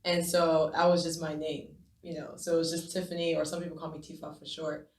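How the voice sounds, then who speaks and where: A woman's voice: low voice, little pitch movement, brisk, darkish tone. Young woman from Japan, distant and echoey. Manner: chatty, laughs often. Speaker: guest. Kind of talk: casual conversational interview. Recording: echoey room, a bit distant from the mic.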